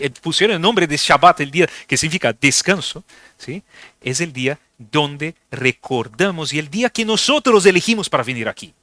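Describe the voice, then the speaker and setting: A man's voice: fairly high pitch, bright, forceful tone, dry recording. A man preaching a sermon in a church, explaining a text step by step and often checking in with his listeners. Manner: explanatory, asks listeners for agreement. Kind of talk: sermon teaching.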